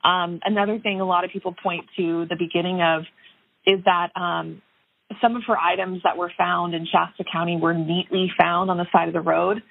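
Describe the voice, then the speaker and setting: A woman's voice: fairly low pitch, fairly even intonation, moderate pace, creaky. A woman investigative reporter talking through a case in a remote news interview, conversational with many fillers and restarts. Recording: tinny phone-like line.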